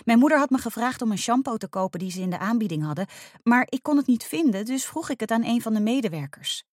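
A woman's voice: animated, fast, darkish tone, dry recording, studio quality. Woman voicing a tearful, shaky schoolgirl. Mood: upset. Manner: shaky, tearful, high-pitched. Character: upset schoolgirl, near tears, indignant.

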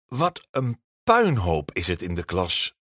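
A man reads the part of a patient but firm schoolteacher who raises his voice over a noisy class, with a lively, swinging delivery. The recording is close and dry. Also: low voice, slow pace, no room sound, exaggerated voice. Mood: calm. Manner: calls out loudly to the class. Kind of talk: storybook reading.

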